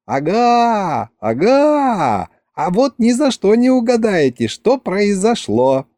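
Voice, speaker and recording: Male reader doing a high, swooping, excitable young vampire girl, dreamy storybook figure. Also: no room sound, clean studio sound. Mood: gushing. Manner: sighing, drawn-out, breathless gushing. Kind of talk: audiobook character reading.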